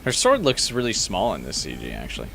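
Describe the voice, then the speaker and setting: A man's voice: low-pitched, wildly swooping pitch, fast talker, gravelly. A man doing casual, irreverent game commentary and reading story text aloud, with some background noise. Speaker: gameplay streamer.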